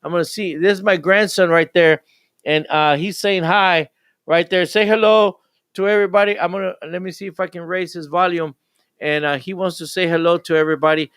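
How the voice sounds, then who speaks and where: A man's voice: fairly high pitch, steady tone, brisk, fairly bright tone, smooth, no room sound, studio quality. An older man, a pastor hosting a live radio show, talking in an enthusiastic, rambling way with frequent restarts.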